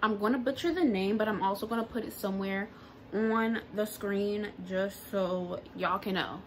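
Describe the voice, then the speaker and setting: A woman's voice: medium pitch, normal speed, slight background noise. A young woman talking casually and playfully to her phone camera as a vlogger, with slangy asides. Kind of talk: casual vlog chat. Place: car, store, then bedroom at home. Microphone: phone camera held close.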